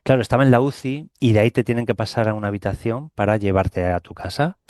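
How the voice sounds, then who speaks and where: A man's voice: on the low side, quick pace, darkish tone, no echo, clean studio sound. A middle-aged Spanish man with a Spanish accent, telling a personal story in an interview and animatedly acting out the dialogue. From Spain. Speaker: guest recounting a near-death experience.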